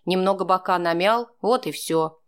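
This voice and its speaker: A woman reader voicing a tired grown man, a father who speaks calmly with a wry, teasing edge, close to her own voice. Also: fairly low pitch, normal speed, smooth, close to an everyday voice.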